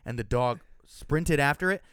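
A man's voice: on the high side, moderate pace, a bit bright, clear, resonant tone, no echo, studio quality. A young man co-hosting a podcast, chatting casually and telling rambling stories full of swearing. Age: young adult. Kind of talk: casual chat.

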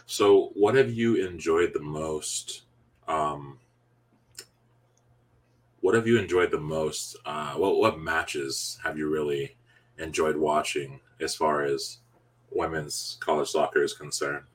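A man's voice: a bass voice, fairly even intonation, slow, slightly rough. A man hosting a conversational sports podcast, introducing segments and putting questions to a co-host.

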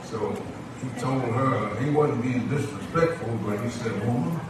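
A pastor preaching a sermon, stretching his phrases in a drawn-out cadence that swells on key words. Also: medium pitch, heavy background noise. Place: church sanctuary. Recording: very echoey church recorded from a distance.

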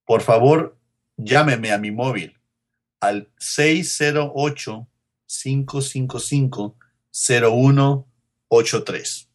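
Male actor for a patient caller heard as an answering machine message, distant and played back, reads his number slowly. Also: mid-range voice. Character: male patient calling his doctor's nurse. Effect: answering machine message, distant sound. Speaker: patient leaving a voicemail. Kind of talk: scripted dialogue for a language lesson.

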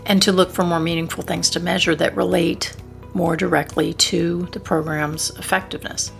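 A woman, an ethics consultant guest on a podcast, explaining her view in a measured way. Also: on the low side, flat delivery, gravelly, soft background music. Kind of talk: measured interview remarks.

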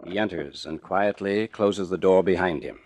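A man's voice: low-pitched, moderate pace, a little mellow, a little hiss or hum. A man narrating a 1940s radio mystery in the formal, dramatic delivery of an old radio announcer. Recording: vintage 1940s radio recording with music. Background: music.

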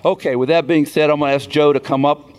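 A man in his sixties from Beaver Falls, Pennsylvania, emcees a banquet, telling stories in a folksy way that builds to a punchline. His voice is fairly high, a little mellow, and fairly even in intonation, and he speaks at a quick pace. There's slight background noise.

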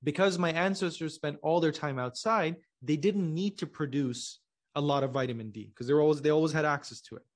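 Brief: male podcast guest from Pakistan, somewhat high voice, patient explainer, casual tone. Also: fairly quick. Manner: explains patiently, checks in with "right?". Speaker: guest, genetics company co-founder. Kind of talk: casual conversational interview.

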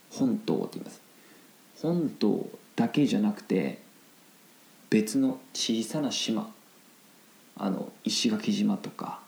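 A Japanese man gives a casual, unhurried vocabulary lesson, breaking each phrase down in plain words and slipping into English to explain. His voice is low, dark and gravelly. The recording has a noticeable echo of the room. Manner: explains slowly in simple Japanese, mixing in English glosses. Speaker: Japanese language teacher.

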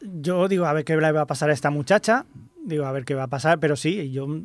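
A man from in a casual podcast chat, quick and jokey. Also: on the high side, dry recording, clean studio sound. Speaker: podcast co-host.

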